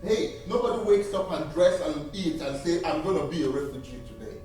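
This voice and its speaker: A man from Nigeria, a native Igbo speaker with a Nigerian accent, shares an earnest testimony and appeal in a church sanctuary, repeating key phrases to drive them home; he is a seminary graduate. His voice is a little high, a little fast and a little mellow, heard through a distant, roomy church recording.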